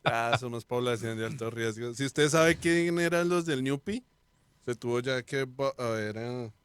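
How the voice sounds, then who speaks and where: Smooth-voiced man hosting. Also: mid-range voice, a little slow, no echo. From Colombia (Bogotá). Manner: leads the talk, joking and easygoing. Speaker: podcast co-host. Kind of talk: casual podcast chat.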